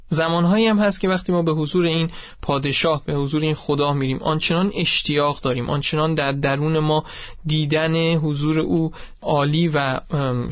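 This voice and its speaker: A man with a fairly high voice explains calmly, in long, linked phrases. His voice is close and dry, and the recording is dull and lo-fi. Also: no echo. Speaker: preacher. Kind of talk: teaching on worship.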